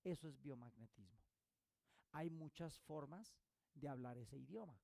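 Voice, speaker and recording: A man teaching a recorded course lecture as a holistic therapy instructor, explaining through rhetorical questions and quick "ok?" check-ins. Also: mid-range voice, lively intonation, creaky, warm tone, dry recording.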